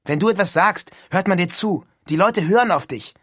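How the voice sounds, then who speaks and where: A man reading an audiobook and voicing a shy, hesitant teenage boy in a subdued, husky voice. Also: sits high, expressive, moderate pace, fairly bright tone, dry recording, clean studio sound, pitched above the performer's own voice. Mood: defensive.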